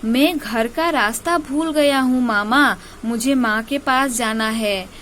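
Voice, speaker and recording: A woman's voice: fairly high pitch, slow pace, a bit bright, slight background noise. A woman doing a lost little fawn. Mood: pleading. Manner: pleading, tearful words.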